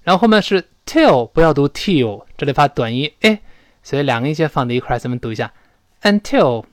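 A Chinese man teaching an English pronunciation lesson in Mandarin, drawing English words out slowly to model them. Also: a little high, very animated, no room sound. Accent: Mandarin-speaking teacher.

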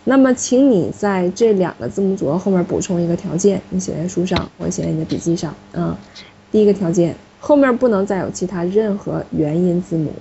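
In a muffled, slightly noisy classroom recording, a woman teaches French, explaining each step and patiently correcting her students. Her voice is fairly low and warm with vocal fry, lively intonation and a fairly quick pace.

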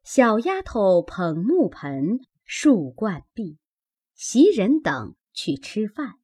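A woman reading a classic novel aloud as audiobook narration, measured and expressive. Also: mid-range voice, slightly rough. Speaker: audiobook reader.

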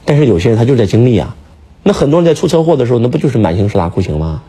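Husky, fast-talking man lecturing emphatically. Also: medium pitch, sing-song, dark tone. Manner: emphatic, lecturing, rhetorical questions. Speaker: speaker, teacher. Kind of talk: casual preaching chat.

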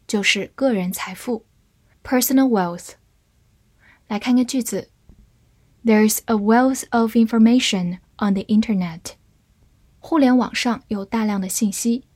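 Female vocabulary teacher, measured slow delivery, spells words out, dry close-miked sound. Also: a little high, darkish tone, husky, no echo. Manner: spells words letter by letter, slow model readings. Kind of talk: scripted vocabulary lesson.

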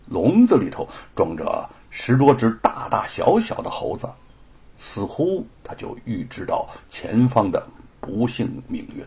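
嗓音沙哑、抑扬顿挫的男说书人. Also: male voice, mid-range voice, husky. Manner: very expressive, swinging between hushed and loud. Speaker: storyteller. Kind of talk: dramatic storytelling narration.

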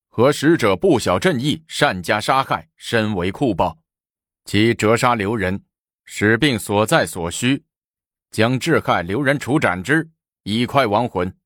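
A man's voice: fairly low pitch, a bit bright, dry recording. A cold, stern chancellor from a spoken historical tale, reading out an imperial edict in a raised, formal, declaiming voice, as a man acts him out. The voice sits close and dry.

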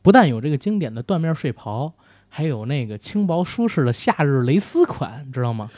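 A man's voice: on the high side, big pitch swings, brisk, darkish tone, no room sound. A man chatting as a podcast co-host, teasing and colloquial. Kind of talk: casual comic banter and sales pitch.

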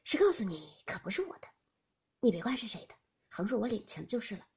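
A woman voicing a gentle, tactful young maid who coaxes and explains softly. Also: mid-range voice, big pitch swings, quick pace, breathy edge, full character voice. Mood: coaxing.

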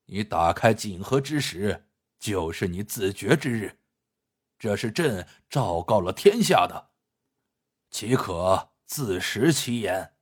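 A man voicing a stern, cold older emperor who is also a grieving father, speaking slowly and heavily in a low voice. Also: expressive, husky, exaggerated voice. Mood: thundering. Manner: slow, heavy, low delivery.

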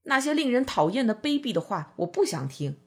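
A woman voicing a tense, indignant young male university student in an audiobook reading, with shrill, trembling outbursts. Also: very animated, a little fast, husky, full character voice.

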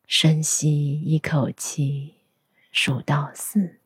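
In a soothing, very breathy, low whisper, a woman guides a meditation at an extremely slow pace, with little pitch movement. Her soft, instructional delivery resembles a spa relaxation track, and there's no room sound.

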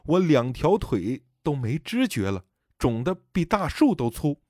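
A man voicing the grieving spirit of a dead elderly mother, speaking softly and sorrowfully. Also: on the high side, very animated, a little slow, no room sound, studio quality. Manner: soft, sorrowful pleading.

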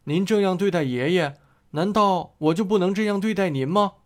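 A man's voice: high voice, moderate pace, voice pushed up, lightly acted. A man voicing an earnest, clever young boy who speaks steadily and seriously.

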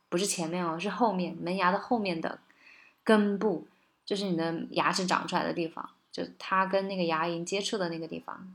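A woman giving a casual spoken lesson on singing and pronunciation, patient and coaxing, often checking in with listeners and slowing down to model English words. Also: fairly low pitch, fairly bright tone. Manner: slows down to model English words, sometimes sings lines.

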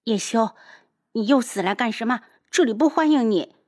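A shrill, hot-tempered pretty young man, as a woman puts him on. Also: normal speed, lightly acted. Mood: angry. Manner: shouting insults, high and agitated.

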